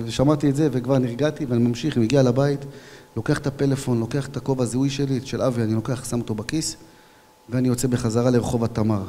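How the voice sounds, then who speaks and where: A young police officer tells his story at an event, his voice dark and mellow with a long hall reverb trailing behind it. He tells it with animation and bursts into shouted dialogue as he acts out each scene. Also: medium pitch. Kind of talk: personal testimony at a public event.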